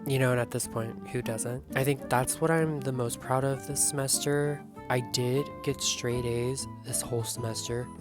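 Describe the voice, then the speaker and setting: A young woman vlogging casually, hoarse and coughing, rambling excitedly and swearing freely. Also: very deep voice, moderate pace, few pauses. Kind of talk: casual vlog talk. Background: background music.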